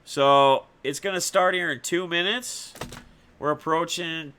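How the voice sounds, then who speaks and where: A man's voice: on the high side, unhurried, sharp tone, slight background noise. A young man hosting a casual sports talk livestream, chatting loosely about football and answering viewers in the chat by name. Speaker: livestream host.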